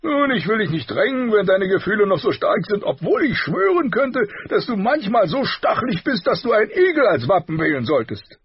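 Guy putting on a big loud jolly king, way high and bellowing, boastful and bawdy, lo-fi audiobook sound. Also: sing-song, moderate pace, few pauses, husky, dry recording, exaggerated voice. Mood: teasing. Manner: loud, hearty, laughing, boastful. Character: boisterous bawdy middle-aged male king.

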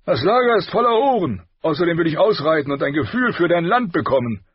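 A man voicing a boisterous, bawdy middle-aged king who talks loudly and heartily. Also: a little high, big pitch swings, a little fast, husky, no room sound, highs cut off, pitched above the performer's own voice. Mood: dismissive. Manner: loud, hearty, laughing, boastful.

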